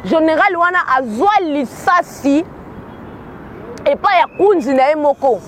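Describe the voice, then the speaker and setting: With lively intonation and a fairly bright, high voice, a Kinshasa woman with a Congolese accent gives heartfelt commentary in Lingala and French. She speaks a little slowly and repeats words as she searches for them. There is slight background noise.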